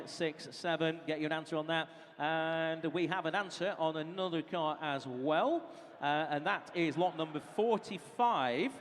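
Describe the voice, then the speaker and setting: Man calling a live auction, echoing hall. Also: a little high. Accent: British. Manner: auctioneer's patter, repeating figures and prompting bidders. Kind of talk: live auction calling, running bid chant. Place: large reverberant auction hall. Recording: reverberant hall sound.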